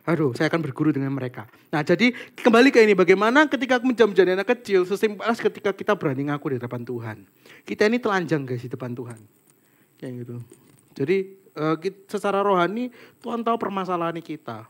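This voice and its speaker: A young man preaches to a small church group in a loose, conversational way, speaking. His voice sits high and he keeps breaking off into friendly asides to his listeners. It sounds like an informal talk rather than a formal sermon. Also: fast. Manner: chatty, animated, peppers talk with "guys" and "kayak gitu".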